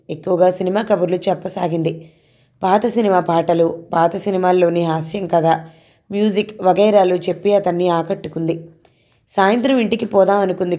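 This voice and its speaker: Woman reading an audio novel aloud, steady, low mellow voice. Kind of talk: scripted narration.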